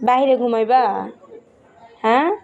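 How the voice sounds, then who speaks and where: A woman, softly pleading and coaxing her pet outdoors at night, repeating herself. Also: on the high side, fairly even intonation, measured pace, dull audio. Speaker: pet owner.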